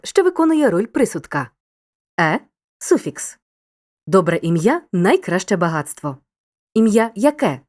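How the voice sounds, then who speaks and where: A woman narrates a scripted grammar lesson for children. Her delivery is clear and encouraging, with a very animated, swooping intonation that keeps young listeners engaged. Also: medium pitch. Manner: clear, upbeat, encouraging teacher tone. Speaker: teacher.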